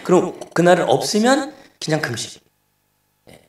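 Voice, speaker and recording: A middle-aged pastor with a high, sing-song voice preaches at a moderate pace in a church sanctuary. He tells a family story and acts out the dialogue in quoted voices. The recording is echoey, picked up by a distant mic in the church hall.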